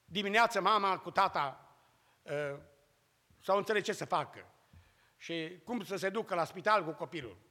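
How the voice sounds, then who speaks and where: A man from Romania preaching a sermon and telling a testimony, swinging between loud cries and hushed storytelling. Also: high voice, animated, long pauses. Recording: long hall reverb.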